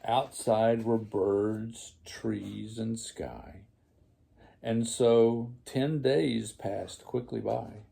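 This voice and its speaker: An older man, a grandfather, reading a children's storybook aloud in a slow, deliberate, gravelly old man's voice. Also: fairly low pitch, fairly even intonation, dark tone.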